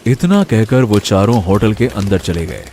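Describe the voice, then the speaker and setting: A man narrating a scripted story in a steady storytelling manner. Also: lowish voice, moderate pace, soft background music.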